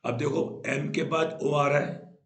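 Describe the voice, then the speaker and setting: A man's voice: on the high side, level tone, slow pace. Man teaching grammar in an echoey room. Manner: explains patiently, repeats key points, checks with "right?". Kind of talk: Hindi-language grammar lesson.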